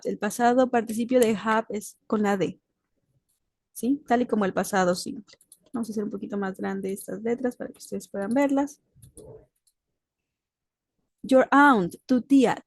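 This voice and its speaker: Her voice sits a little high and stays steady at a normal speed as this English teacher leads a recorded online lesson. She's patient, switches between Spanish and English, and checks in with "¿sí?". The recording is very dry with no room sound.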